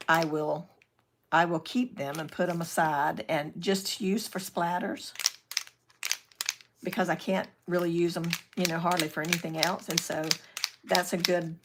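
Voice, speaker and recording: Gravelly older woman chatting while crafting. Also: lowish voice, noisy background. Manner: chatty, reads and answers viewer comments. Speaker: craft channel host. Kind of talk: casual live craft demonstration.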